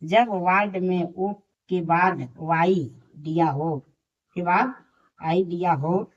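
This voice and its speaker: Slow, patient woman teacher, lo-fi sound. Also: fairly low pitch. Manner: patient, repeats each point slowly. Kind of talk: slow step-by-step lesson. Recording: dull lo-fi recording.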